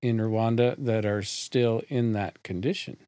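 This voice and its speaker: A man hosting a podcast, introducing the show and asking a guest measured questions. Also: on the low side, fairly even intonation, dark tone, dry recording. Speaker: podcast host and interviewer. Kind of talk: podcast interview.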